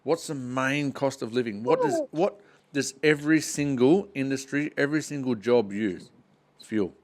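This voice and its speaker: A man's voice: medium pitch, moderate pace. An Australian man with an ordinary mid-range voice hosts a casual chat. He talks like a knockabout tradie, blokey and full of local slang. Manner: blokey Aussie tradesman way of talking, slangy. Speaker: podcast host. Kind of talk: casual banter.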